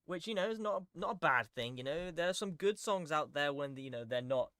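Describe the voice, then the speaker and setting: A man's voice: fairly high pitch, animated, brisk, a bit bright, smooth, no echo, clean studio sound. A man giving casual, joking reaction commentary on songs as a streamer, laughing often and rambling with restarts.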